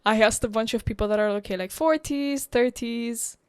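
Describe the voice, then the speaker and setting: Female podcast host, higher voice, chatty, agreeable, close dry recording. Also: clean tone, no echo. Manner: chatty, agreeable, quick affirmations. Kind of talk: casual podcast interview.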